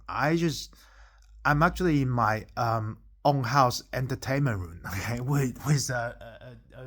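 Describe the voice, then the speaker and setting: A man speaks casually to his viewers from an entertainment room at home. English is not his first language, and his speech stops and restarts often, with small laughs between phrases. His pitch sits mid-range. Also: a bit bright. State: tearful, emotional. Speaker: channel host. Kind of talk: casual talk to camera.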